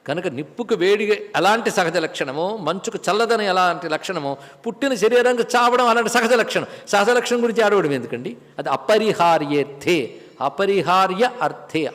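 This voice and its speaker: High-voiced man preaching in a hall. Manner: rhetorical questions, chants verses. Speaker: spiritual teacher. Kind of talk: religious discourse on scripture. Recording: long hall reverb.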